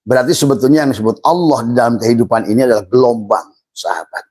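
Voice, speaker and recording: A middle-aged man giving an informal religious lecture, speaking in a slow, halting way with many fillers and repeated words, calling his listeners friends and referring to himself in the third person. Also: medium pitch, a little mellow, slightly rough, no room sound. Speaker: Islamic mysticism teacher.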